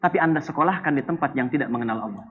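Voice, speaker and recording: A man from Indonesia preaching a sermon, animated and playful, swinging between loud and soft. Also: medium pitch, racing, a little hiss or hum. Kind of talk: Islamic sermon. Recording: dull lo-fi sound.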